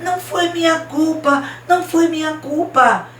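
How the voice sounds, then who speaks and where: Woman as a tearful, guilt-struck boy in a storybook, high and slow, far mic. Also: fairly bright tone, slight background noise. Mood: sobbing. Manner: crying, slow, halting. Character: young boy, sobbing and guilty. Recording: roomy, distant mic, faint ambience.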